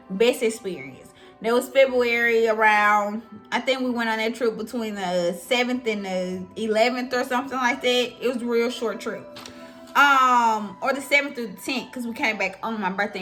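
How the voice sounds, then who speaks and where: Bright-voiced young woman telling a story. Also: a little high. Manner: expressive and chatty, addresses viewers directly. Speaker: vlogger. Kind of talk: casual storytelling to camera.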